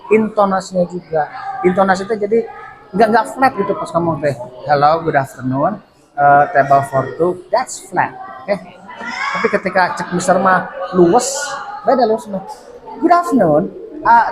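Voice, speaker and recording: A man with a Sundanese accent teaching English in a classroom, coaching students and repeating words for them to drill. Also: high voice. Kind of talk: classroom instruction. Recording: noisy classroom with chatter. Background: student chatter.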